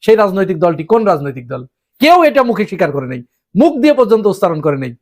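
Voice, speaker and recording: A man delivering an emphatic opinion monologue on current events, asking the audience rhetorical questions. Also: sits high. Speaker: political commentator.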